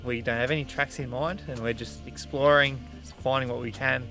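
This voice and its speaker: A man's voice: medium pitch, steady tone, moderate pace, vocal fry, sharp tone. Young Australian man presenting, music behind. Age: young adult. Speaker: presenter interviewing a friend. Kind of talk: casual vlog presenting. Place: outdoors on a forest track.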